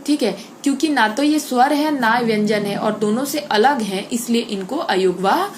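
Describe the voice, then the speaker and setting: A woman teaching an online Hindi grammar class, explaining step by step, saying example words slowly and checking in with the children. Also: fairly high pitch, slight background noise. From India.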